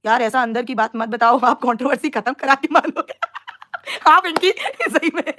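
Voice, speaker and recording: A woman's voice: high-pitched, moderate pace, fairly bright tone, slight background noise. A young woman chatting on a live stream, teasing and mocking rivals while talking to her viewers. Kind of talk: casual live stream chat.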